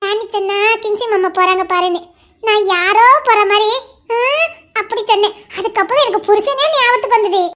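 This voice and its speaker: Very high, bright playful young wife, acted by a woman. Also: fairly even intonation, a little fast. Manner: playful, giggly. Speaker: actor in a romantic couple skit. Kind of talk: acted romantic dialogue.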